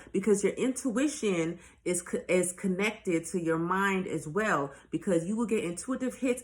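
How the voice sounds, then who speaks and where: A woman speaking as a spiritual life coach in a casual motivational monologue, blunt and profane, pressing her points with repeated rhetorical questions. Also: medium pitch. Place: at home, recording on her own.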